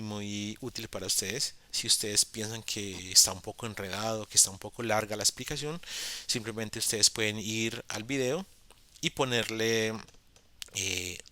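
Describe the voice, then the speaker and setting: A man's voice: lowish voice, moderate pace, pushed and bright. A man explaining grammar in a patient, repetitive lesson for beginners, with frequent fillers and restarts. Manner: patient, repeats key points, many fillers. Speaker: English teacher.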